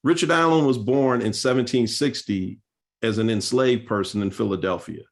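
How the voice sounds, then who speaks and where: A man's voice: medium pitch, moderate pace. A male pastor speaking at a seminar, telling church history in an earnest, storytelling way with frequent fillers and restarts.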